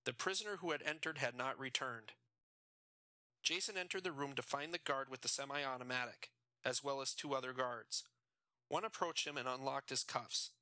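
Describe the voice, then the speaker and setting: A man reading a crime novel aloud in steady, measured scripted narration. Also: medium pitch, no room sound. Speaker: audiobook narrator.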